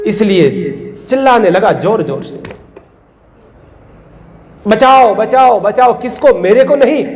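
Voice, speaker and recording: A man's voice: high voice, a little mellow, slight background noise. A man, a saint, giving a devotional storytelling sermon. He acts out the characters' cries and turns to the listeners with asides. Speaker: saint giving a religious discourse. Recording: reverberant hall, faint background music.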